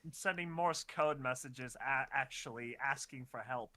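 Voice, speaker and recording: A woman's voice: extremely low pitch, normal speed, bright, forceful tone. A young woman in a goofy, casual chat, talking in a drawl and often breaking into laughter. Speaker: co-host.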